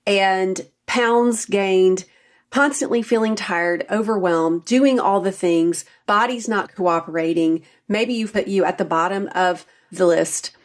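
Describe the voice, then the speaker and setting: A middle-aged woman hosting a solo podcast as a health coach, talking in an earnest, personal, confiding way. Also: mid-range voice. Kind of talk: solo faith-based podcast talk.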